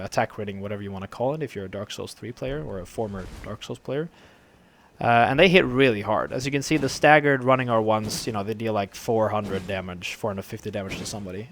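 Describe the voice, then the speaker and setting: A man with a dry, gravelly throat giving rambling, casual commentary over his own game duels. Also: fairly low pitch. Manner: rambling, relaxed, many fillers. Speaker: gameplay commentator.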